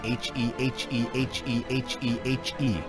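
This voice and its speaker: A male-sounding robotic text-to-speech voice narrating a fan-made conspiracy video in a flat, mock-serious tone. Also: mid-range voice, measured pace, over loud music. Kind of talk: scripted narration.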